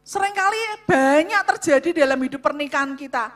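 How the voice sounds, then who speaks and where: A woman delivers a sermon on marriage in a high, bright voice. She speaks loudly and with emphasis, repeatedly addressing the listeners directly. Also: a little fast. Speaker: co-speaker at a church revival on marriage. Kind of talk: sermon-style talk to a congregation.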